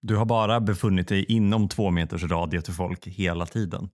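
A man telling a comic story in a deadpan way, acting out other people in quick quotes. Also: sits low. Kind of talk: comedic storytelling chat.

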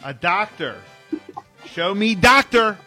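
High-voiced man hosting radio game show. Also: animated, slow, sharp tone. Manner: repeats answers like a game show announcer. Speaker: radio host running a phone-in contest. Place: radio studio. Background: music playing.

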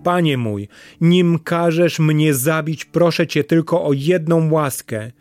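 A man's voice: medium pitch, slow pace, dry recording, soft background music, close to an everyday voice. A man voicing a loyal, wise female talking parrot who speaks in a courtly, imploring way. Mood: pleading.

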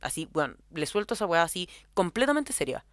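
A woman's voice: lowish voice, big pitch swings, brisk, no echo, studio quality. A young woman with a Chilean accent telling a personal story in a casual, rambling way, full of filler words. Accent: Chilean Spanish. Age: young adult.

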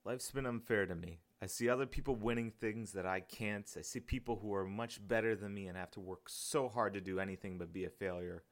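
A man voicing a grieving, despairing young man who speaks in a halting, upset way. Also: on the low side, lightly acted.

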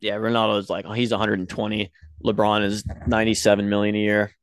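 Animated young man, swearing storyteller. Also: fairly low pitch, a little fast, clean tone, no room sound. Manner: animated storyteller, swears freely, acts out quotes. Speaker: podcast co-host. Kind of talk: casual chat.

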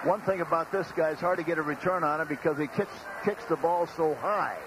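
A man's voice: a little high, a little fast. An American man giving conversational, plain-spoken analysis as a color commentator on football. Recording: noisy stadium radio broadcast. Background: loud stadium ambience and noise.

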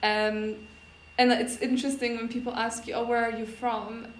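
A woman's voice: a little high, flat delivery, normal speed. A young woman from Poland with a Polish accent, reflecting thoughtfully in casual podcast chat. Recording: roomy echo, faint noise.

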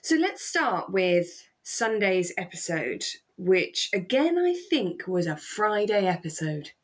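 Taking it slowly in a sing-song, medium-pitched voice, this British podcast co-host chats in a relaxed way from home on a remote call. Her phrasing is informal yet careful.

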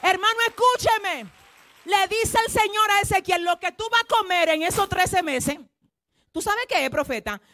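A woman pastor preaching a sermon, calling on the congregation to repeat after her and swinging between hushed asides and loud proclamations. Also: very high-pitched, normal speed. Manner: preaching with call-and-response to the congregation.

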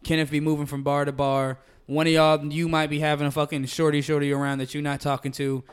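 A man's voice: on the high side, level tone, quick pace, smooth. A young man chatting casually with friends in a frat-bro manner, slangy and full of swearing. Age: young adult. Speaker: podcast co-host. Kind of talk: casual chat among friends.

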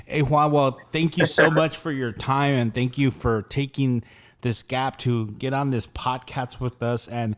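A man's voice: medium pitch, steady tone, measured pace. A man hosting a podcast, asking long, rambling questions full of restarts. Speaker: podcast host. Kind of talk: casual interview talk.

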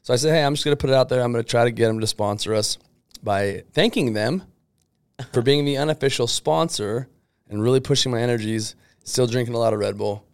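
A man's voice: medium pitch, fast talker, smooth, dry recording, studio quality. A man hosting a casual interview, upbeat and effusive, rambling a little as he introduces his guest. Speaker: podcast host interviewing an employee.

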